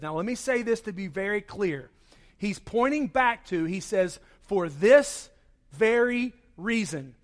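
A man with a high-pitched voice preaching a sermon. He talks conversationally and acts out the inner voices of his listeners. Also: a bit bright. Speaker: pastor.

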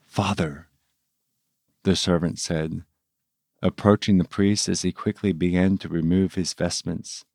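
A man, a priest, narrating a scripted family story in a measured, reverent way. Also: sits low, steady tone, creaky, a little mellow, no echo, studio quality.

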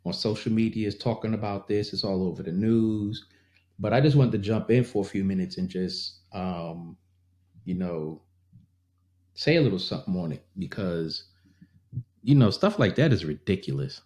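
A man's voice: low voice, normal speed, a little mellow, reverberant. A man talking straight to his viewers in a casual, earnest way, growing indignant and repeating himself as he reacts. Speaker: vlogger. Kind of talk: casual commentary to camera.

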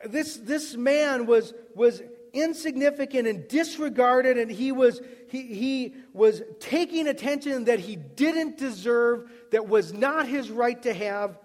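A man preaching a sermon as a pastor, emphatic and repetitive, swinging between loud cries and soft, hushed lines. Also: extremely high pitch, measured pace. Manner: emphatic, repeats words, builds to loud cries then drops soft. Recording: long reverb of a hall.

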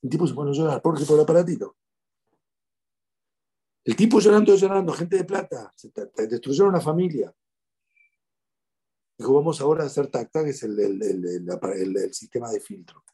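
A man's voice: medium pitch, animated, a little fast, warm tone, breathy edge. A middle-aged man with a Rioplatense Spanish accent, a rabbi giving an emphatic, preachy talk on the weekly Torah portion and repeating his points for weight. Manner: emphatic, preachy, with repetitions and Hebrew phrases. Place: outdoors at sunrise.

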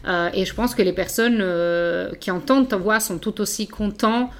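A woman's voice: mid-range voice, moderate pace. A woman interviewing a colleague in a chatty way, with frequent fillers. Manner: friendly, chatty, with many fillers. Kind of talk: casual interview.

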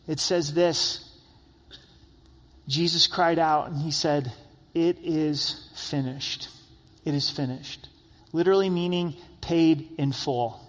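A man's voice: fairly high pitch, in a large hall. A male pastor giving a sermon in a conversational, storytelling way, often asking "right?" and repeating phrases for emphasis.

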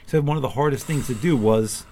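A man co-hosting a fitness podcast, casually chiming in with quick affirmations and examples. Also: mid-range voice, warm tone, a little hiss or hum. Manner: agreeable, frequent short affirmations, jumps in. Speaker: podcast co-host, trainer.

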